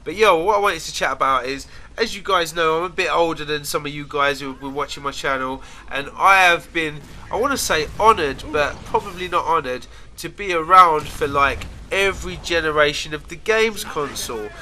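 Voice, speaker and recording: British man, pinched-nose nasal and very bright. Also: a little high, moderate pace, hardly any pauses, slight background noise. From United Kingdom. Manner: informal, slangy, rambling. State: congested with a cold. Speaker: gaming video host. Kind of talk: casual chat over gameplay.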